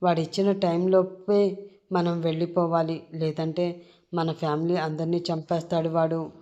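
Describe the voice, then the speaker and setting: Guilt-ridden young husband, soft and apologetic, voiced by a female narrator. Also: fairly low pitch, flat delivery, normal speed, muffled recording, natural voice.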